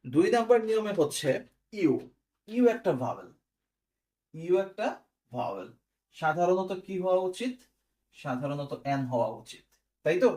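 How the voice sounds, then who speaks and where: Man, slightly high voice, recorded grammar lesson, step-by-step quizzing. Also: big pitch swings, normal speed, pauses often, dark tone. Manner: explains step by step, asks quiz questions and checks "clear?". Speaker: English grammar teacher. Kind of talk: recorded online class.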